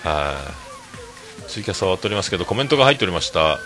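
The low-pitched, racing voice belongs to a middle-aged restaurant owner from Fukuoka, Japan, hosting a solo talk stream. Faint music sits behind his rambling, filler-heavy storytelling and animated quotes.

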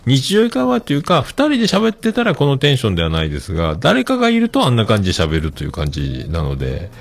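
A man hosting a casual podcast and reading listener mail, relaxed and chatty with many fillers and soft trailing ends, with a Kitakyushu accent. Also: mid-range voice, quick pace, creaky. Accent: Kitakyushu Japanese. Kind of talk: casual solo podcast talk.

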